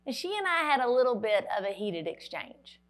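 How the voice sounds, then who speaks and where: A woman's voice: a little high, very animated, a little fast. Woman telling a dramatic story with humor. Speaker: motivational speaker. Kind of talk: storytelling keynote speech. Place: conference hall.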